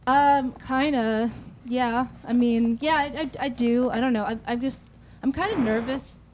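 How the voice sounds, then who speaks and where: A woman's voice: fairly high pitch, unhurried, noisy background. A woman appearing as a talk-show guest, rambling nervously and restarting often while speaking into a handheld mic on a studio couch. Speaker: guest, founder of an internet radio station. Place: TV studio set, seated on a couch.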